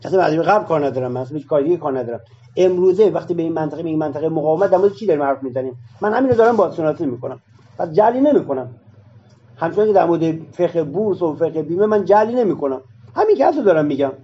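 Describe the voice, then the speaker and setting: A man's voice: on the high side, expressive, muffled recording, a little hiss or hum. A man arguing his point in a discussion session, explaining it through rhetorical questions.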